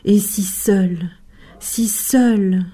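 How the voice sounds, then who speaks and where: A woman storyteller narrating a tale in an expressive, measured way. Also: mid-range voice. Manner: expressive, measured, slowing for emphasis.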